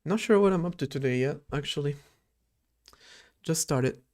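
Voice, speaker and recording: This man's voice sits on the high side, with a darkish tone and moderate pace. Programming live on stream, he rambles through his thoughts aloud and replies to viewers in chat as he goes.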